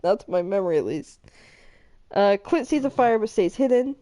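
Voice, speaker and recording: Giggly woman streamer with a lively voice. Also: medium pitch, normal speed. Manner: giggly, laughs often between lines. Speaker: streamer host. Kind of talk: casual chat, reading game events aloud.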